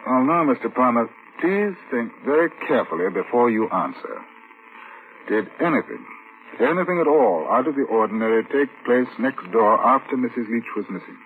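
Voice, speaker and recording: This male police inspector, courteous and methodical, narrates his investigation in a 1940s-1950s radio drama and asks polite, formal, probing questions in a measured way. His pitch swings animatedly, and the old recording has a tinny, hissy, phone-like quality.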